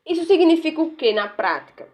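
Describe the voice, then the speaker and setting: A woman with a high, sing-song voice talks briskly while browsing pages on her screen, offering casual political commentary. She's sarcastic and rambling, and keeps tagging her sentences with "né?"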